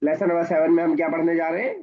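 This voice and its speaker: A man's voice: on the high side, little pitch movement, racing. A man teaching an Arabic grammar class, patiently explaining and quizzing his students. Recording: dull lo-fi recording.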